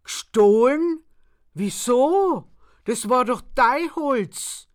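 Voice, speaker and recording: A woman voicing the story's exasperated narrator figure, shouting in dialect. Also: on the low side, very animated, measured pace. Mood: aghast. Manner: outraged, loud exclamations. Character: exasperated first-person narrator, worked up.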